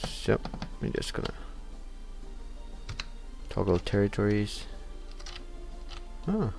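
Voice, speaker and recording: Slow and creaky with a darkish tone, this fairly low male voice swings widely in pitch while faint music plays behind. He's a young let's play host from Norway with a Norwegian accent, reading the screen aloud and stumbling through lots of "uh" fillers as he casually talks over a computer game.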